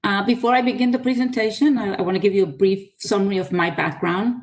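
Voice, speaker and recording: An older woman born in the Dominican Republic and raised in New York City appears as an author and guest speaker, giving a measured career talk in a webinar over a video call. Her mid-pitched voice stays steady and earnest, with frequent filler sounds.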